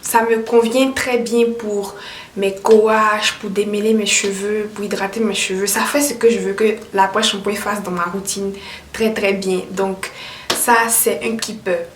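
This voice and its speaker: A woman's voice: medium pitch, flat delivery, a little slow, slight background noise. A woman chatting casually as a hair care vlogger, upbeat and repeating herself, her voice carrying a heavy echo. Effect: heavy echo around the voice. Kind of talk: casual product review. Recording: echoey room, voice far from mic.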